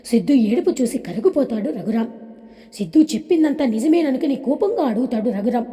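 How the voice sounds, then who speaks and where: A woman narrates a family drama as an audio story with steady, expressive storytelling. Her voice sits high yet very mellow. A long reverb trails each line. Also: fairly quick.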